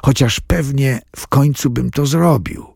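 A man reading the part of an ordinary man caught in a crowd disaster, shouting in panic, in a husky voice. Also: medium pitch, a little slow, no echo, studio quality, pitched above the performer's own voice. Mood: despairing thoughts.

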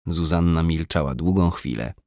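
A man's voice: extremely low pitch, moderate pace, creaky, darkish tone, no room sound, studio quality. A man narrating an audiobook in the first person, reflective and brooding, with a self-mocking edge.

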